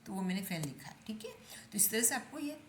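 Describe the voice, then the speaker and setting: A woman with an Indian accent teaches everyday English phrases, explaining each one in Hindi. She says the model sentences slowly and repeats them. Her voice has a mid pitch and sounds roomy, with faint noise behind it. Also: sing-song. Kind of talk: spoken English lesson.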